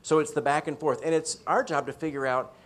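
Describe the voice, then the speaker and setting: A man's voice: on the high side, steady tone, brisk. A man presenting a mentoring workshop, talking conversationally to a live audience and often checking in with "right?".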